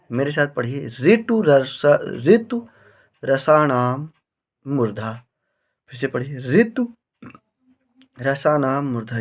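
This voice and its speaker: A male teacher working through grammar rules at a deliberate, unhurried pace. He stretches out each recited formula and keeps turning to the class with quick questions. His voice sits at an ordinary middle pitch. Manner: slow, drawn-out recitation with frequent questions to the class.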